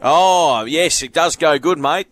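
A man's voice: fairly high pitch, takes it slowly, a bit bright, slight background noise. A man hosting a talkback sports radio show, chatty and repeating words as he takes calls. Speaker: radio host.

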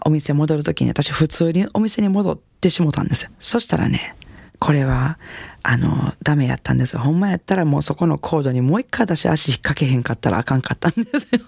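Woman, Kansai accent, jazz singer hosting radio, casual chatty stories, husky, dry studio mic. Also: sits low, no echo. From Kansai region of Japan. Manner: chatty, self-mocking storytelling with frequent fillers. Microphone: studio microphone.

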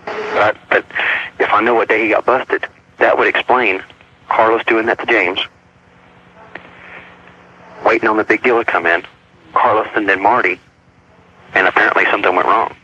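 A man talking to family over a jail payphone call, hurried and stumbling over his words. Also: on the low side, fairly even intonation, sharp tone, slight background noise. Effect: jail payphone call line. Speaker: jail inmate on a phone call. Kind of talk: casual phone chat. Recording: muffled archival phone recording.

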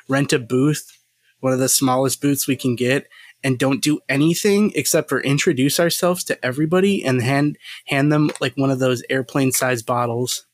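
A man's voice: medium pitch, dry recording. A man co-hosting a podcast in a casual, rambling chat, laughing often and swearing lightly. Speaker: podcast co-host.

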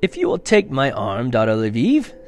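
A man voicing a polite, fussy male faun who is shy and excitable, formal and flustered, repeating himself. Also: medium pitch, normal speed, soft background music. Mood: warm, inviting.

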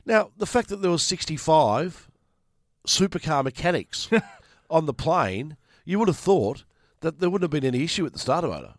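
Husky Australian man telling stories. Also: fairly high pitch, sing-song, moderate pace, no echo, clean studio sound. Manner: storytelling, laughs often. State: husky from air conditioning. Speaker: podcast co-host. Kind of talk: casual sports podcast chat.

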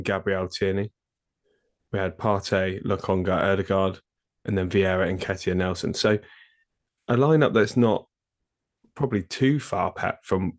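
A low-voiced man hosts a casual football podcast. He has a cold, which leaves his voice nasal and congested. His delivery is conversational. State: ill with a cold. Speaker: podcast host.

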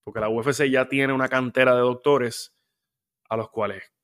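A man's voice: mid-range voice, steady tone, moderate pace, a bit bright, clear, resonant tone. Guy doing his sports podcast, chatty, gets fired up ranting, lots of ehs. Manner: conversational, heated rants with fillers. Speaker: podcast host.

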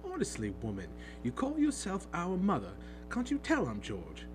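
A man voicing a cheeky teenage twin boy who teases loudly and cockily, heard over a steady hum. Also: high voice, normal speed, over music, pitched above the performer's own voice. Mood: teasing. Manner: teasing, loud, cocky.

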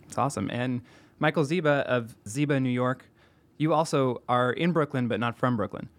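A man's voice: mid-range voice, dry recording. A man hosting a show, narrating a scripted introduction and then interviewing guests. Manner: measured, deliberate intro delivery. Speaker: podcast host. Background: faint music.

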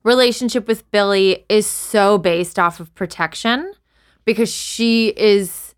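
A woman's voice: mid-range voice, a little slow, clear, resonant tone. A woman co-hosting a podcast in a blunt, casual way, swearing freely. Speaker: podcast co-host. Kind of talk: casual chat.

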